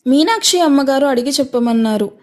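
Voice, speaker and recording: A woman's voice: high voice, lively intonation, fairly quick, a little mellow. A woman voicing a polite, affectionate household maid in an audio story. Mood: kindly.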